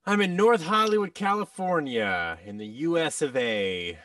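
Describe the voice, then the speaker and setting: An American man in his thirties, a voice actor and audio drama producer, chats as an interview guest with wry, self-deprecating humor. His voice is on the high side, animated, a little slow and fairly bright. The studio-quality, dry audio comes from a distance in a large indoor studio, via a boom-arm mic with headset on a video call.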